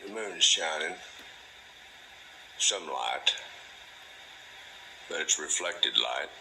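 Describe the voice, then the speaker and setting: A man hosting a monologue, talking slowly and deliberately in a drawling, folksy way. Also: animated, sharp tone, slight background noise, rough recording. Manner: drawling, folksy, mimics a delighted parent in a high voice; slow, deliberate delivery. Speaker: host. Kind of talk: monologue to camera.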